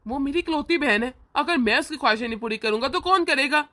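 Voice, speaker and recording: A woman's voice: high voice, lively intonation, fast talker, bright, forceful tone. A woman voicing a doting older brother who talks in an indulgent, reassuring way, in a homemade family drama.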